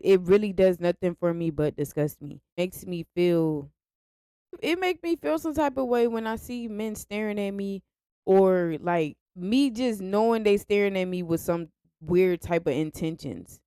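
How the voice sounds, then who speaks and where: Smooth low-voiced young woman vlogging. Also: measured pace, mellow, no echo, clean studio sound. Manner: frank and confessional, speaks straight to her viewers. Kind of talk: candid personal vlog monologue.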